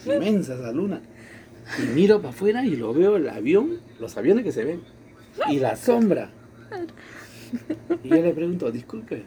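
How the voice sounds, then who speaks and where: A man's voice: high-pitched, moderate pace, long pauses, slight background noise. A man from Latin America casually telling a personal story, acting out the quoted dialogue. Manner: animated, acts out quoted dialogue. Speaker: storyteller in conversation.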